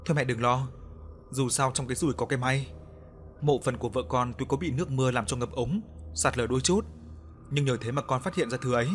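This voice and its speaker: A man's voice: medium pitch, fairly quick, slight background noise, lightly acted. A man voicing a stern middle-aged father who gives firm commands in an audiobook.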